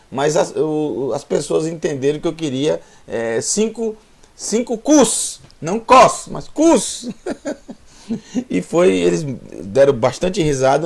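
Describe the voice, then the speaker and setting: A man with a Brazilian Portuguese accent teaching a Hebrew lesson online, drilling sounds slowly and repeating them. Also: fairly high pitch, creaky, mellow. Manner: slow, repetitive drilling of sounds, with restarts.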